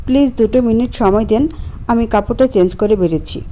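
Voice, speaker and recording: A woman voicing a shy, timid young bride in a storybook, speaking softly and pleading. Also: fairly high pitch, fairly quick, natural voice.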